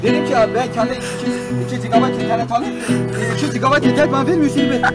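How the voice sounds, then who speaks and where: A young man playing a naive, aggrieved customer on a prank call, halting and repetitive, pleading in broken grammar. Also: very high voice, steady tone, over loud music. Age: young adult.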